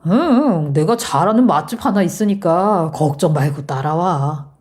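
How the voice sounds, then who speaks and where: Woman doing a lower, sweet-talking scheming husband. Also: animated, a little slow. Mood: gentle coaxing. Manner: soft, coaxing, sweet-talking. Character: scheming husband with a falsely tender voice. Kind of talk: scripted storytelling narration.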